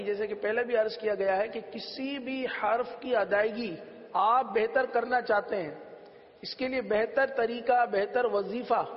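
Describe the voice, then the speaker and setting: A man teaching Quran letter pronunciation on a religious TV lesson, sounding each letter slowly and repeating drills. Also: high-pitched. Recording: echoey hall, dull lo-fi sound.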